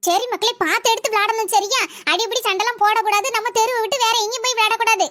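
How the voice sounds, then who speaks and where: A high young voice playing a patient village mother in a comic family skit. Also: steady tone, fast talker. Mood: soothing. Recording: noisy homemade recording.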